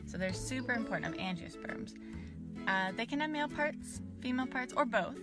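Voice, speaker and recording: A young adult woman presenting casual educational science outdoors in a bright, curious, enthusiastic and chatty manner. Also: fairly high pitch, expressive, fairly quick, over loud music. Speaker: science show host. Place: outdoors in a backyard.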